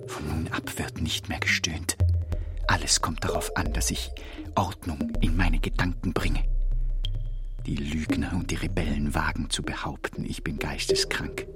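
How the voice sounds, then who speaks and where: A low, grandiose voice of a wounded, half-mad king in a radio drama. He declaims theatrically and can move between whispers and outcries. Music accompanies the monologue. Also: fairly even intonation, a little slow. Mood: brooding, restrained. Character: proud, tormented deranged king, grandiose and wounded.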